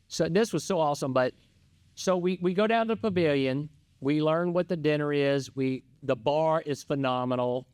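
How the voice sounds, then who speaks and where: Excitable middle-aged man telling a story. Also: a little high, normal speed, clear, resonant tone, dry recording. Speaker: podcast co-host. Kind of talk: casual chat.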